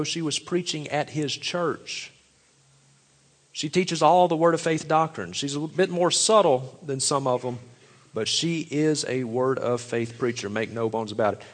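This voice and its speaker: A man's voice: mid-range voice, a bit bright. A man giving critical religious commentary in a firm, emphatic, warning tone.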